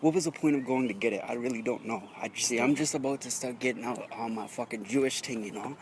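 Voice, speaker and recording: A man's voice: medium pitch, fast, a little mellow, slight background noise. A young man rambling profanely and jokingly in a comedy vlog, walking outdoors on a street and talking into a handheld phone. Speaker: vlogger.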